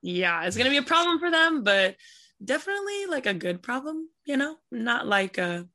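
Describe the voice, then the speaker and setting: With a high voice at normal speed, a woman soccer player casually fields interview questions, leaning heavily on fillers like "like" and "you know."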